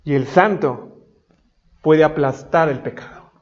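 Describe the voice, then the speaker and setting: Male pastor, fervent sermon delivery, high voice, muffled audio. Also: a little slow. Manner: emphatic, rising to loud high-pitched exhortation. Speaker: preacher. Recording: dull lo-fi recording.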